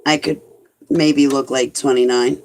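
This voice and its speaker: A vlogger in her forties chats casually with her viewers while reading live comments, rambling, joking about herself and saying "like" a lot. Her voice is extremely low and a little mellow, with fairly even intonation and a slightly slow pace.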